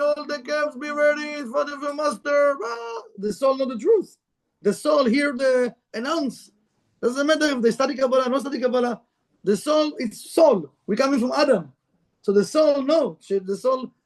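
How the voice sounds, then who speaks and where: High-voiced man teaching in broken English. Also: a little mellow. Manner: conversational, broken English, asks the room questions. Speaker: Kabbalah teacher. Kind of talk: informal spiritual lecture to a live group.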